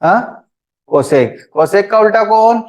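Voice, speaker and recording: A middle-aged male math teacher, running an online lesson. His voice sits high for a man, and he keeps up a chatty, teasing banter with his students between the formulas. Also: lively intonation, takes it slowly. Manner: joking, chatty, teases students by name. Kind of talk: online class lecture.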